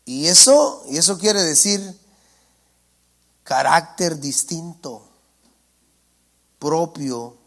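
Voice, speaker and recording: A man's voice: fairly high pitch, lively intonation, extremely slow, pauses often, fairly bright tone. A male preacher, giving a sermon and often asking his congregation "¿entiende?". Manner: asks the congregation for assent, calls them brothers. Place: church.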